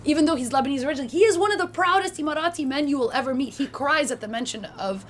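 A woman's voice: high voice, expressive, racing, slight background noise. A woman with a Californian American accent, a podcast guest talking passionately in casual chat, often restarting her sentences. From France. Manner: passionate, emphatic, frequent restarts.

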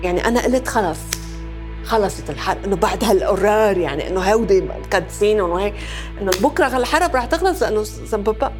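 A woman's voice: mid-range voice, lively intonation, fast, music in the background. A Lebanese-accented woman giving personal testimony in a conversational way, dropping French phrases into her speech. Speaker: interviewee recalling war experience.

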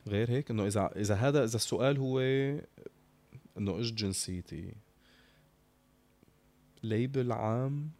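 Interview guest, male, low voice, Syrian Arabic accent, reflective conversational delivery with English words mixed in. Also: fairly quick, long pauses, a little mellow.

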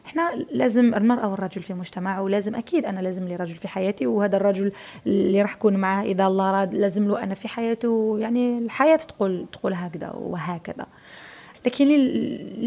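A woman's voice: medium pitch, very fast, mellow. An Algerian woman in her thirties with an Algerian Arabic accent, a media personality talking emphatically as an interview guest and repeating words for stress. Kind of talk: casual interview talk.

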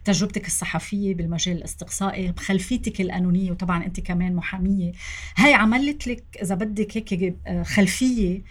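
A woman's voice: medium pitch, fast talker. A woman with a Lebanese Arabic accent hosts a political interview, putting questions to her guests. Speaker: interviewer, host.

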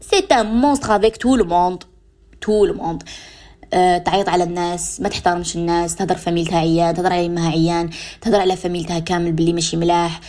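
A woman's voice: fairly low pitch, fairly even intonation, rapid-fire, mellow. A woman radio host with an Algerian Arabic accent, giving advice straight to her listeners and mixing French and English words into her talk. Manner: addresses listeners directly, giving examples.

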